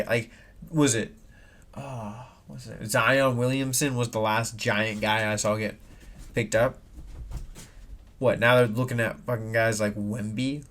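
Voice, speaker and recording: A man's voice: medium pitch, a bit bright. A man hosting a solo podcast, rambling and swearing with many restarts, in a slightly nasal voice, with an air filter and ceiling fan humming in the background. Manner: rambling, profane, full of restarts and asides. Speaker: podcast host. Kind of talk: casual solo podcast rant. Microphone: desk mic, no headphones.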